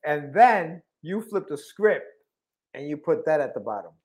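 A man's voice: a little high, very animated, a little slow, a little mellow. Joking man who repeats himself. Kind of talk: casual chat.

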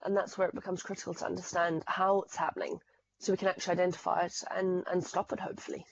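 Flat and fast, this low-voiced Zimbabwean woman speaks as a podcast guest and fraud specialist over lo-fi audio with slight background noise. Her interview explanations are earnest and dense with facts, marked by frequent restarts.

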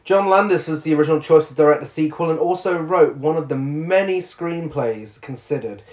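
A man's voice: on the high side, fairly quick, darkish tone. A man co-hosting a casual film podcast, laughing a lot and sarcastic as he reads out trivia. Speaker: podcast co-host. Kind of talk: casual film review chat. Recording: roomy, muffled sound.

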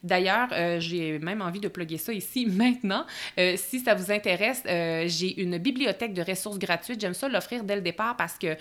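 A woman in her thirties with a Québécois accent, hosting her own solo podcast in a chatty, conversational way with frequent hesitations. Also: lowish voice. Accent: Québécois French. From Quebec, Canada. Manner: chatty, warm-hearted, hesitant with frequent pauses. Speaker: podcast host.

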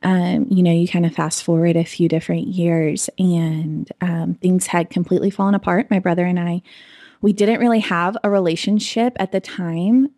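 A woman's voice: fairly low pitch, steady tone, normal speed, warm tone, no echo, studio quality. A woman guest in an interview, candidly and reflectively recounting a personal story, with frequent fillers.

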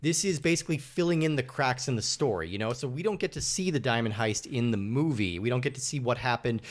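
A man's voice: mid-range voice, expressive, fast. A man co-hosting a casual podcast discussion, explaining points at length and leading the talk. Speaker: podcast co-host.

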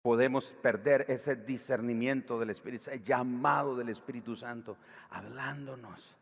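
A man preaching a sermon as pastor, animated, acting out the voices of the people in his stories. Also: mid-range voice, normal speed, breathy edge, big-room sound.

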